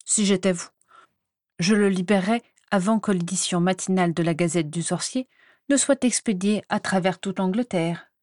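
A woman's voice: fairly low pitch, moderate pace, darkish tone, no echo, clean studio sound, lightly acted. A woman voicing a smug, self-assured woman who speaks coolly and confidently.

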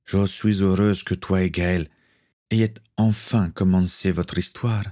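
A man voicing a young woman on a ship's crew, gentle and reassuring in an audiobook reading. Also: low voice, steady tone, takes it slowly. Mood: gentle caring. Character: young woman, caring and cheerful crew member.

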